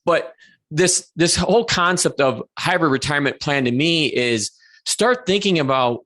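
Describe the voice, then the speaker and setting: This man in his forties has a fairly high, somewhat bright voice and speaks at normal speed. He hosts a conversational podcast interview earnestly, often breaking off to restart what he's saying.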